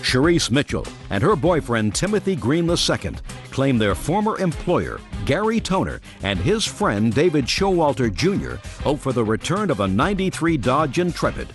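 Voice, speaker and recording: A man's voice: mid-range voice, big pitch swings, normal speed, soft background music. A man reading scripted narration as the announcer of a TV court show.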